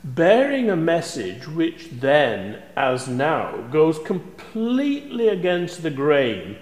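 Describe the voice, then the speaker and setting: Older male priest, measured scholarly sermon, slow delivery, church reverb. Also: on the high side, huge pitch swings, darkish tone. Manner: measured, scholarly preaching with a lecturing tone. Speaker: supply priest. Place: large church sanctuary before the altar. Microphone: fixed camera at a distance. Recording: echoey church with long reverb.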